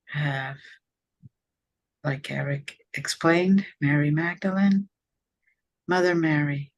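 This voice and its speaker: A woman leading a guided meditation in a soft, soothing, measured way, with long pauses between phrases. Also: low voice.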